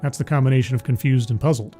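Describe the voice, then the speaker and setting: Soft background music accompanies a man in his 40s hosting a livestream. He talks fast in a medium-pitched, steady, warm voice, rambling through a casual chat with viewers and the live chat, self-deprecating and quick to laugh.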